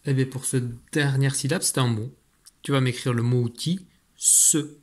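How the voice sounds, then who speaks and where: Husky man teaching a spelling lesson. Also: medium pitch, fairly even intonation, normal speed, darkish tone. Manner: patient, explains step by step, addresses the pupil directly. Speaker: primary school teacher.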